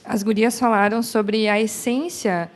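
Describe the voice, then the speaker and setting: A woman's voice: a little high, steady tone, a little slow. A woman, a mother chatting on a podcast, with hesitant fillers and easy laughter. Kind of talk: casual podcast chat.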